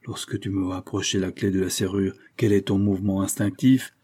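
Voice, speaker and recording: A man reading aloud, voicing a celebrated police detective who speaks in a measured, authoritative, instructive way. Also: low-pitched, level tone, darkish tone, slightly rough. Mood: commanding. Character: celebrated police detective, calm, commanding, dry.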